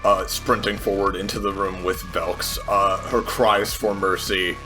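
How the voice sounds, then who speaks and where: A man plays a tabletop game, hesitantly describing his character's moves. His voice is very deep. It also has a bright, forward edge. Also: little pitch movement, measured pace, faint music behind, low-quality recording. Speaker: player.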